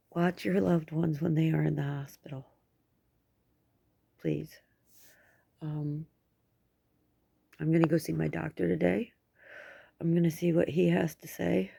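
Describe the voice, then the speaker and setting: Low-voiced, toothless middle-aged American woman. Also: gravelly, mellow, breathy edge. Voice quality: toothless speech, no teeth in. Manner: rambling, candid, coarse-worded. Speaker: vlogger. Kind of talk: casual personal update to camera.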